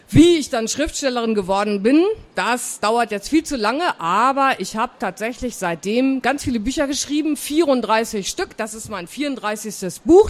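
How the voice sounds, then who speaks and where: A woman author talking about her books in a chatty way and reading a story aloud to young listeners. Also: fairly high pitch. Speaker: children's book author.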